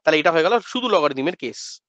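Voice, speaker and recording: High-voiced man teaching math, dull dry sound. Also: animated, fairly bright tone, no room sound. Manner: asks and answers his own questions in students' voice; drills pronunciation slowly, then speeds up. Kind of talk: classroom lecture.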